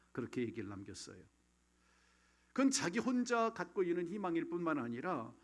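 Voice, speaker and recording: A man preaching a sermon as pastor, telling a story in a measured, earnest way with frequent filler sounds. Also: medium pitch. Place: church sanctuary.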